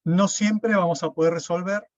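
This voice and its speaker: Guy teaching a class online, slightly high voice, dry dull mic. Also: fairly even intonation, normal speed, dry recording. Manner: explains step by step, with frequent "¿sí?" checks. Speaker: lecturer. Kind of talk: recorded online class lecture.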